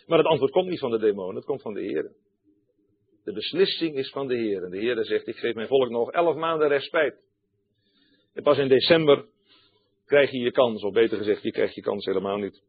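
A man's voice: medium pitch, animated, brisk, breathy edge. A male preacher giving a sermon, emphatic, repeating key phrases and addressing his listeners directly, heard over a tinny, phone-like line.

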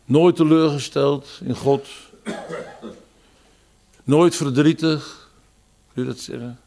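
Male preacher, sermon, reflective, raises emphasis then drops quiet, quotes psalms. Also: mid-range voice, moderate pace, creaky. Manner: reflective, quoting psalms and scripture; swings between raised emphasis and quiet, dropped phrases.

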